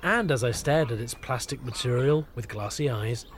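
A man tells a comic story in a deadpan, mock-grand way, as if reading a serious report. His voice sits at an ordinary middle pitch, and a faint hiss lies under the recording. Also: normal speed. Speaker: narrator of a comic pub review. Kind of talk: scripted comic narration.

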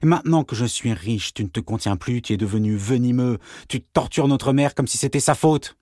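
A man's voice: medium pitch, brisk, mellow, no echo, studio quality, natural voice. A man voicing a jealous young man who accuses in a heated, raised voice. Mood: furious.

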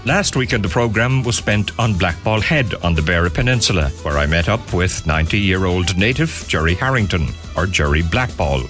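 Deep-voiced, animated Irish radio host. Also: male voice, normal speed, hardly any pauses, soft background music. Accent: Irish, West Cork. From Castletownbere, West Cork, Ireland. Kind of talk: scripted radio narration.

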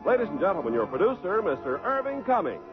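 A man announcing and reading a hearty sales pitch on a 1950s radio broadcast. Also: very animated, quick pace, loud music behind the voice. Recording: tinny old radio broadcast.

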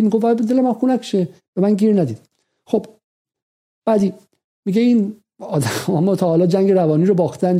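Bright-voiced man delivering argumentative commentary. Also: high voice. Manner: argumentative, repeats phrases for emphasis. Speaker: political commentary host. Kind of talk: analytical commentary monologue.

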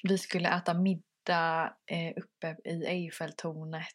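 Low-voiced woman podcast co-host. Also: little pitch movement. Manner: gives short backchannels, dry quips. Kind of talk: casual chat.

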